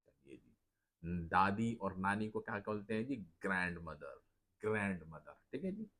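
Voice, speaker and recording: Very low-voiced man teaching English words. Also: sing-song, unhurried, a bit bright. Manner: repeats the questions and tags lines with "जी" and "ठीक है"; asks a question, then answers it himself. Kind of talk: Hindi-Urdu vocabulary lesson.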